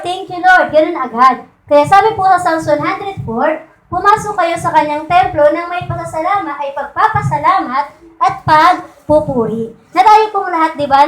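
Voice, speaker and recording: A woman preaching a sermon in a conversational way, often checking in with her listeners through quick rhetorical questions. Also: very high-pitched, a bit bright. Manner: conversational, repeats and restarts points. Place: church meeting room. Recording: echoey room.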